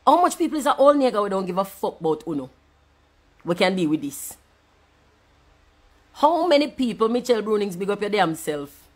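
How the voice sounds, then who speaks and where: A woman's voice: medium pitch, sing-song, fairly quick, pauses often. A woman with a Jamaican accent delivering an angry, profane rant, switching between patois and standard English. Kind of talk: angry ranting monologue.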